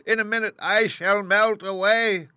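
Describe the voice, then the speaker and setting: Male narrator doing a wicked old witch for a storybook: shrill, wailing, pitched high over a dry read. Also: fairly even intonation, unhurried, pushed and bright, clear, resonant tone, no room sound, full character voice. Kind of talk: audiobook character voice.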